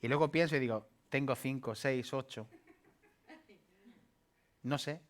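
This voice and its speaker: A man's voice: medium pitch, a little slow. Man preaching with call-and-response. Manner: call-and-response preaching, rising to emphatic peaks then dropping soft; acts out playful asides and voices in a light humorous tone. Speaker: pastor. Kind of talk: sermon.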